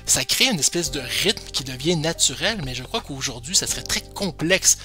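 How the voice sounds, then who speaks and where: A male teacher explains the basics in a loose, chatty way. He jokes and pokes fun at himself as he goes. His voice is bright, with faint music behind it. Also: fairly high pitch, expressive, normal speed. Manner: chatty, joking, self-deprecating. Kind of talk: casual explanatory lesson.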